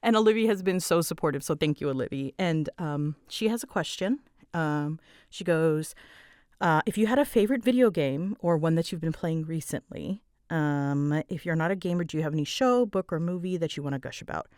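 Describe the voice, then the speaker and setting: A woman with a deep, smooth voice talks briskly into a close mic, free of echo. Answering listener questions as an online creator, she rambles and teases herself in a chatty way, growing animated as she quotes her own lines.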